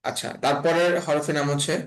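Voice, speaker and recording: A man from Bangladesh teaching an online class on letter pronunciation, speaking slowly and repeating each sound several times. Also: on the high side, steady tone, low-quality recording. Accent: Bangladeshi Bengali. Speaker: Quran reading teacher.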